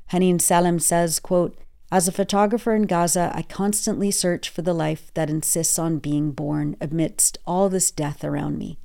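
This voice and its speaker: A woman hosting a newscast, reading quoted accounts in a measured, earnest way. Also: low-pitched, dark tone. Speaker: news host. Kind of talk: scripted news narration.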